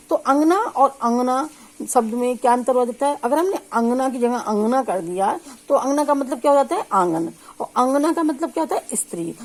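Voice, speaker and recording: A woman lecturing as a teacher, her voice sitting a little high. She talks through each point steadily, stretching out example syllables and pausing often to check the class is following. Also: darkish tone, low-quality recording. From India. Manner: slow, drawn-out sample syllables with frequent check-ins. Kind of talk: spoken lecture on phonetics.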